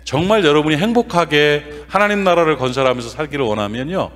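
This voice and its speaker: A man preaching a revival sermon as guest pastor in a church, folksy and lively, throwing quick questions at the congregation. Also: a little high, in a large hall. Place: church sanctuary.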